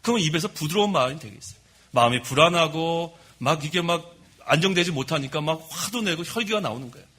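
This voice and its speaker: A middle-aged man preaching a sermon from the pulpit of a church, telling stories about himself in a lively way. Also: a little high, fast. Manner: lively storytelling, admits his own faults. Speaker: pastor. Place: church sanctuary.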